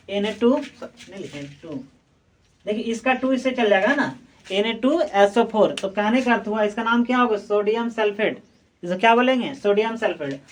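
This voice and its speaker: A woman's voice: fairly high pitch, a little hiss or hum. Woman teacher quizzing her class. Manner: quizzes students with repeated questions and answers them herself. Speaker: chemistry teacher. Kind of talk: classroom explanation. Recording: voice distant from the mic.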